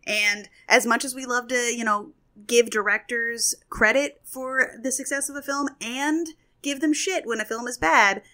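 A woman's voice: fairly high pitch, fairly even intonation, moderate pace, sharp tone. A young woman co-hosting a podcast in casual chat, talking with many fillers and restarts. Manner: chatty, filler-heavy, lots of restarts. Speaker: podcast co-host.

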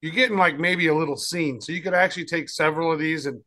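A man with a bright, forward voice pitched a little high, talking casually as a podcast co-host. He wanders and restarts his sentences while showing things on screen. He sounds like he is on a video call. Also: fast. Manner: chatty, loose, trails off and restarts. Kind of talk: casual chat demoing tools.

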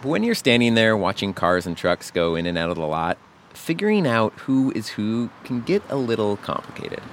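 A man's voice: lowish voice, sing-song, moderate pace, a little hiss or hum. A man co-hosting a radio show, narrating in a conversational, scripted way. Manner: conversational storytelling.

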